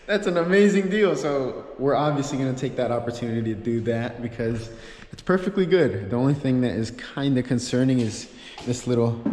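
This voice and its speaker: A man hosting a casual car vlog, talking in an excited, rambling, slangy way, his voice echoing in a large empty workshop. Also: mid-range voice. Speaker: YouTube car-channel host. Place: large, echoey indoor garage workshop. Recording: very echoey, reverberant empty workshop.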